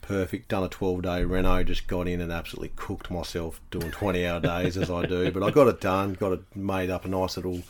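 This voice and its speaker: Australian man, tradesman manner, deep pitch, little melody, laconic, casual chat. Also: level tone, brisk, few pauses, a little hiss or hum. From Tasmania, Australia. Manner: laid-back, laconic Aussie tradesman talk. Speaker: podcast guest, painting tradesman.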